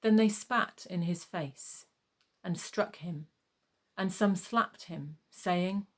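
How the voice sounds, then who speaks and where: A woman narrating a dramatised Bible reading in a measured, formal storytelling manner. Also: lowish voice.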